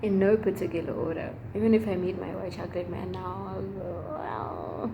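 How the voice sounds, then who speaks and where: Chatty, lowish-voiced young woman with noisy background. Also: moderate pace, gravelly. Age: young adult. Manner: chatty, rambling, expressive; emphatic, slangy. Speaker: vlogger. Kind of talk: casual chat to camera. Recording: noticeable background noise.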